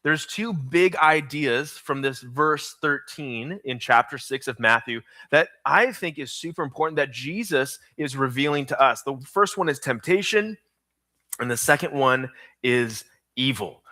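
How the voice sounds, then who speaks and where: A young man preaching energetically to middle school students, slowing down to stress key phrases. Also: fairly high pitch, lively intonation, pushed and bright, no room sound. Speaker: youth pastor.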